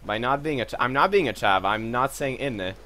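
A man's voice: medium pitch, animated, brisk, sharp tone, slight background noise. A man commentating on his own gameplay in a casual, swearing, self-mocking way. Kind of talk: let's play commentary.

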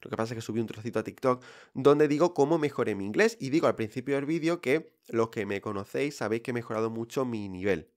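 A man's voice: mid-range voice, expressive, fast, a little mellow. Chatty man with a Spain Spanish accent. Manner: direct, reassuring, chatty with many fillers. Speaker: podcast host. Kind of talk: casual podcast monologue.

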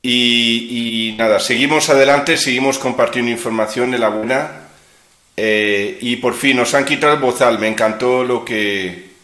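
A man's voice: mid-range voice, fairly even intonation, measured pace, bright, forceful tone, echoey room. A man hosting a casual talk over a video call, blunt and scornful, firing off rhetorical questions. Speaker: host. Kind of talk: casual chat.

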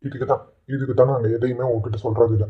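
A man's voice: medium pitch, little pitch movement, racing, natural voice. A man voicing an exasperated adult son in a cartoon, answering his mother curtly and irritably. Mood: irritated. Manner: irritated, curt. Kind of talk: Tamil cartoon voice acting. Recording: tinny phone-like lo-fi audio.

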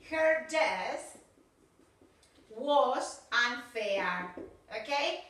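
A woman's voice: high-pitched, pushed and bright. A woman English teacher with a Rioplatense Spanish accent, giving corrective feedback in a recorded video class and switching between Spanish and English. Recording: echoey room, voice from far off.

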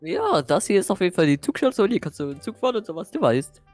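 A woman's voice: on the low side, very animated, quick pace, darkish tone, faint music behind. A woman voicing a carefree, teasing grown-up professor companion in a Minecraft role-play video.

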